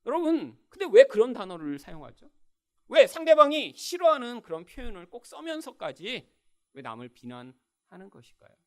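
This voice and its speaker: Emphatic preacher man, lively high voice. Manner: emphatic, keeps addressing the congregation with rhetorical questions. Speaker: pastor. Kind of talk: sermon.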